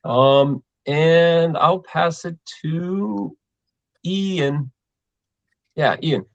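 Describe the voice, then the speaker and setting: A man's voice: a little high, drawn-out words, no room sound, muffled recording. Enthusiastic rambling man on a call. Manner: enthusiastic, rambling, many restarts. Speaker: community participant. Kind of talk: casual online meeting chat.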